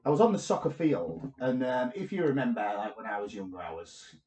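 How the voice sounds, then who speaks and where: A man co-hosting a comedy podcast, telling a strange story with deadpan delivery and sudden shouted bursts. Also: mid-range voice, brisk, echoey room. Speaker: podcast co-host.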